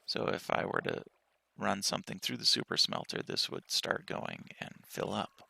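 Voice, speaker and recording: Deep, gravelly man with a morning voice. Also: no room sound. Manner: relaxed walkthrough with frequent pauses and fillers. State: morning voice, just woke up. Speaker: game player. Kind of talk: game world tour commentary.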